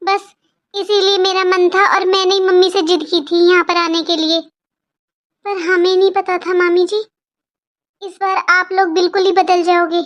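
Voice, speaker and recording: A woman's voice: very high-pitched, little pitch movement, a little slow, a bit bright, lo-fi sound. A woman voicing a young, outspoken girl in a cartoon, talking in an earnest, pleading way. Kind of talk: cartoon voice acting.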